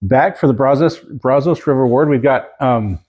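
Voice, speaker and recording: A man's voice: medium pitch, moderate pace, a little mellow. A man hosting a podcast, asking easy questions in a friendly, joking way. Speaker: podcast host. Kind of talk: casual interview.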